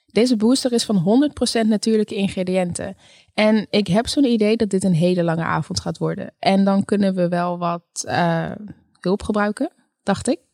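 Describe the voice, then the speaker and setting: Impatient, teasing young boyfriend, read by a woman in an audiobook, mid-pitched, dry and close. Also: normal speed, a little mellow, no room sound, close to an everyday voice. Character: playful young adult man, eager boyfriend.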